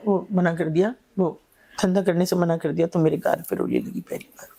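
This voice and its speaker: Interview guest, woman, middle-aged; dark, gravelly tone, hesitant storyteller who slips into whispers. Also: lowish voice, fairly even intonation. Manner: soft, halting, drops to a whisper at times. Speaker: guest, founder of a charity for women in red-light areas.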